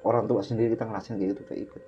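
This guest has a lowish, warm voice and a flat delivery, racing through a vivid, dramatic personal story told casually to a host he keeps calling "Bang." The dull, lo-fi audio has a little hiss or hum plus faint background music.

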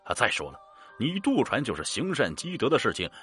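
A man's voice: medium pitch, huge pitch swings, brisk, bright, forceful tone, breathy edge, soft background music, exaggerated voice. Man playing a stern old village doctor. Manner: firm, scolding.

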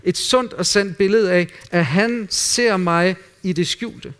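A man preaching a sermon in an earnest way, dropping at times to quiet, intimate asides. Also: high voice, clear, resonant tone. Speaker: pastor.

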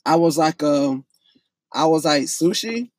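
A young man telling a story in a casual, profane, animated way, full of restarts. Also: fairly high pitch, a little fast, no echo.

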